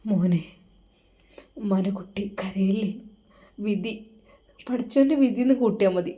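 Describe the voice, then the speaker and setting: A woman's voice: medium pitch, dark tone, close to an everyday voice. A woman voicing an older mother who talks to her grown son in a tender, coaxing, motherly way. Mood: consoling.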